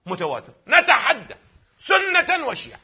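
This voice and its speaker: A man lecturing as a religious scholar in an Iraqi Arabic accent, posing questions to his listeners and answering them himself, at times emphatic and loud. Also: very high-pitched, wildly swooping pitch, normal speed, dull audio. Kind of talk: lecture on Quranic readings.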